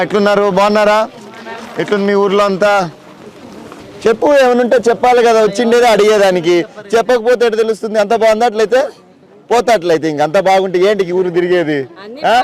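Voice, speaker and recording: A politician tours a village outdoors, chatting casually with villagers and children in a brisk, commanding yet playful manner. His voice sits high.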